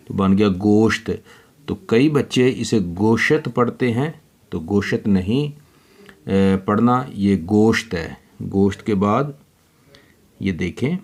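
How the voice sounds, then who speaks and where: Spelling each letter aloud as he writes it, a man patiently guides young children through handwriting at a very slow pace. He has a fairly low, slightly mellow voice.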